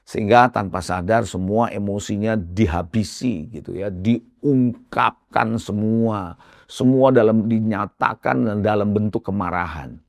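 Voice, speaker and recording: A male pastor giving a conversational sermon in speech, often addressing listeners directly and stressing points with sharp rises. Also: measured pace, gravelly, no echo, studio quality. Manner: lively pitch swings for emphasis.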